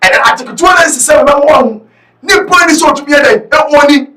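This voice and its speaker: A man with a Ghanaian English accent delivers impassioned political commentary, his voice pitched very high with a sharp, bright edge. He shouts often and moves between English and Twi. The recording is roomy and echoey, with the mic set some distance away. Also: animated, fast.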